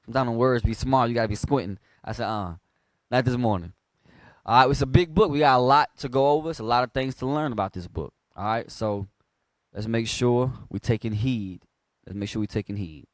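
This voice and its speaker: Teaching a Bible class in a preaching style, a man briskly prompts a reader with call and response. He swings from quiet, low asides to loud, emphatic bursts, with no room sound audible.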